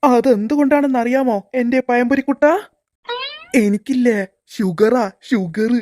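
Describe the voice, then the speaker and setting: A woman's voice: a little high, a little slow, dark tone, dry recording, clean studio sound, close to an everyday voice. A woman voicing a greedy, sneaky middle-aged male school security guard who mutters fondly to his snack in a cartoon. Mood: doting. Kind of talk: cartoon voice acting.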